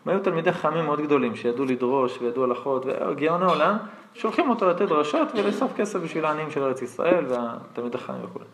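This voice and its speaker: A man, a rabbi, giving a storytelling lesson to an audience and acting out the people in his tales with lively changes of voice. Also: fairly high pitch.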